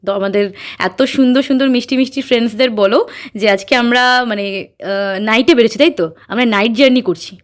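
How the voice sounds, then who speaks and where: Chatty high-voiced woman vlogger. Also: quick pace, no echo. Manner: chatty, addresses viewers as friends. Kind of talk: casual travel vlog narration.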